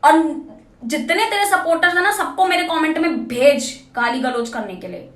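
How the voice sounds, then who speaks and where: A woman's voice: sits high, normal speed, fairly bright tone. A young woman from Delhi, a vlogger, scolding and confronting someone in an angry reply to camera, slipping English phrases into her talk. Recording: roomy echo.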